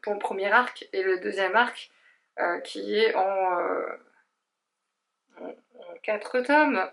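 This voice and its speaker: A woman's voice: mid-range voice, slow, vocal fry, a bit bright. A woman book blogger chatting casually at home about her new books, rambling and poking fun at herself, with many hesitations. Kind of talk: casual book haul vlog. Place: home room.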